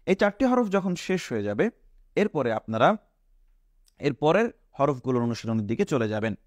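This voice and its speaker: A man's voice: medium pitch, sing-song, normal speed, darkish tone, no echo, studio quality. A man teaching Arabic letter pronunciation in a recorded lesson, patiently drilling each sound and asking the viewer to repeat after him. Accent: Bangladeshi Bengali. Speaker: Quran teacher.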